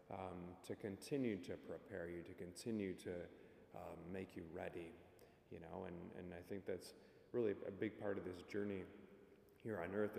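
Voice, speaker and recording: A priest reading the gospel and preaching at mass with a measured, earnest delivery, heard with a cathedral echo in a large church. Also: male voice, low voice, vocal fry, a little mellow, a little hiss or hum. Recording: echoey church with long reverb.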